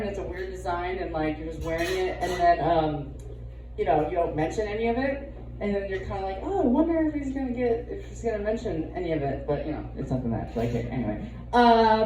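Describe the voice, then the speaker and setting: A man's voice: high-pitched, darkish tone. A young man in his twenties doing stand-up and crowd work in a rambling, giggly, loose way. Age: 20s. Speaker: stand-up comedian. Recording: roomy, distant mic in a club.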